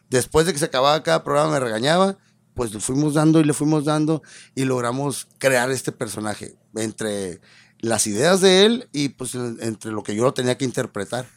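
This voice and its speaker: A man's voice: fairly high pitch, no echo. A man with a Mexican accent, a radio personality and voice artist, telling his story in a casual interview and acting out the people he quotes. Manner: lively, acts out quoted dialogue in changed voices.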